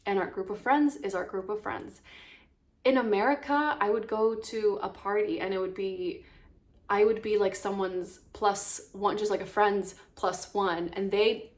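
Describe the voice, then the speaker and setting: A woman's voice: medium pitch, measured pace. Chatty Icelandic woman vlogger. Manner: chatty, many fillers, lively stresses. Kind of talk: casual talk to camera.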